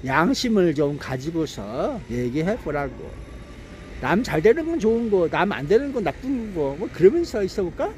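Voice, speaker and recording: A man's voice: high voice, sing-song, moderate pace, a little hiss or hum. A man giving a casual political monologue, mocking and scolding, firing off rhetorical questions and laughing to himself. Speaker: political commentator.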